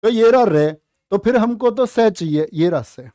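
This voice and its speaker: A man teaching a live online exam-prep class, joking with students and stretching words out slowly. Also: sits high, expressive, warm tone, no room sound, studio quality. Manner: playful, teasing, drawn-out spelling of words. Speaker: Hindi teacher.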